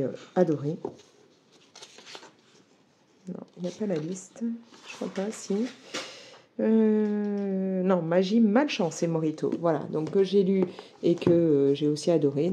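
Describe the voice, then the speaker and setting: A woman in her thirties talks through a book haul in a relaxed, chatty way, full of little fillers and bursts of enthusiasm. Her voice sits low and sounds very dark and mellow. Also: moderate pace, slight background noise. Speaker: book vlogger. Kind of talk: casual book haul chat.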